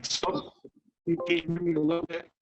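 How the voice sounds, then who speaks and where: A man speaking remotely over a video call whose audio keeps breaking up and cutting out, so he talks in halting stops and restarts. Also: fairly high pitch, completely flat delivery, over music. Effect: choppy, breaking-up call audio that cuts in and out. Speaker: town official presenting remotely. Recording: muffled lo-fi call with faint noise and clicks.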